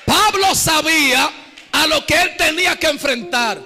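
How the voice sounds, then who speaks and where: Male preacher, very high and piercing voice, shouts and chants at the congregation. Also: lively intonation, unhurried. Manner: shouting, sing-song preaching with call-and-response to the congregation. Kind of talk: Pentecostal sermon. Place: church service.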